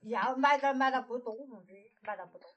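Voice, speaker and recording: An elderly village woman of about seventy speaks in Sichuan dialect. Her voice sits fairly high for a woman. She answers casually and plainly, in short colloquial turns. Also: rapid-fire, muffled recording. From rural Sichuan, near the Guizhou border. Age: around 70. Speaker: villager being interviewed. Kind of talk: casual chat.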